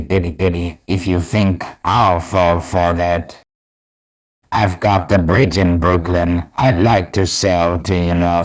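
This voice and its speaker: A man's voice: low-pitched, low-quality recording. A man playing a sadistic, mocking supervillain goblin in a comic dub, with a taunting, theatrical delivery.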